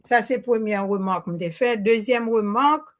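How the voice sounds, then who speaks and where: Her voice a little high and her pace moderate, this older Haitian-accented woman is an audience member putting a question to the panel at a public Q&A. Speaking off the cuff into a handheld microphone, she hesitates, keeps restarting and mixes Creole into her French.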